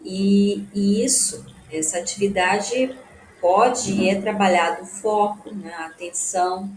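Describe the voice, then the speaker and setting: A woman teacher explaining classroom activities in a halting way, often tagging phrases with a questioning "né?" and restarting words. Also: mid-range voice, fairly even intonation, a little mellow, roomy sound, slight background noise, rough recording. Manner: halting, frequent "né?" tags and restarts. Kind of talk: explaining a lesson.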